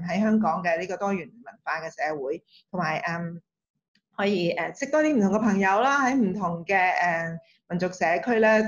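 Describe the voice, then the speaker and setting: Woman on a video call introducing a guest, friendly, lots of uh and um, audio a bit muffled. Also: fairly low pitch. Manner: friendly, hesitant with many fillers, laughs easily. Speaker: workshop host. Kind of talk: bilingual online introduction. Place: indoor office.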